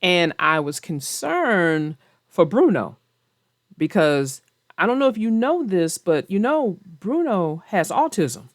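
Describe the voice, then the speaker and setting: Taking it slowly, a woman with a lowish, very animated voice reads aloud and chats theatrically for young children, addressing her readers directly. The studio-quality recording has no echo.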